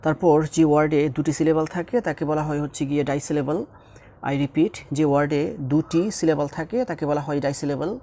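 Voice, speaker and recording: A man's voice: a little high, level tone, brisk, warm tone. A man teaching English grammar in a YouTube lesson, repeating each rule and mixing with English.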